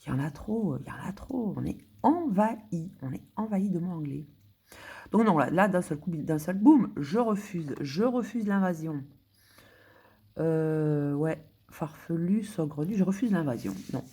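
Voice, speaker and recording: A woman's voice: deep voice, expressive, moderate pace, warm tone, husky. A woman from France thinking aloud in a casual monologue, muttering and whispering to herself as she searches for words, with indignant outbursts. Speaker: vlogger.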